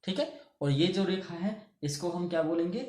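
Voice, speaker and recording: A man's voice: high-pitched, moderate pace, darkish tone, reverberant. A man teaching a geography lesson who keeps asking the class questions and answering them himself. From India.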